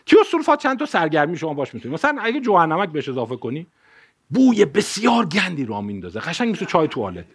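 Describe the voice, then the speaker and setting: Fairly high in pitch with a breathy edge, a man in his fifties presents a public science lecture. He's lively in his storytelling, combining ideas with a personal anecdote while correcting himself often.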